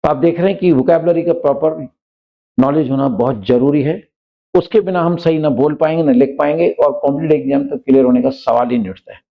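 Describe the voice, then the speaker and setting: A man teaching an English vocabulary lesson in Hindi, reading English example sentences slowly and deliberately. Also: a little high, expressive, gravelly, narrow, tinny audio.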